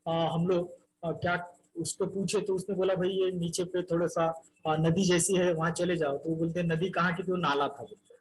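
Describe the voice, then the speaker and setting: A man with a high-pitched voice leads a Buddhist Dharma talk. He tells a life story earnestly, speaking as if in the first person, and addresses the crowd as brothers and sisters. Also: poor audio. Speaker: Buddhist teacher.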